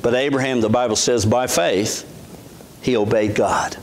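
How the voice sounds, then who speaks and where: A man's voice: mid-range voice, moderate pace, slight background noise. A middle-aged man, a pastor giving a sermon in a church sanctuary on a lapel mic, speaking earnestly in a conversational way with frequent restarts.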